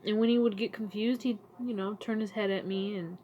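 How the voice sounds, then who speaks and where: A woman talking to her channel in a casual, emotional vlog, halting and searching for words as she grows tearful. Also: medium pitch, steady tone, mellow, highs cut off, a little hiss or hum. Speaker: vlogger. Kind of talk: casual heartfelt vlog talk.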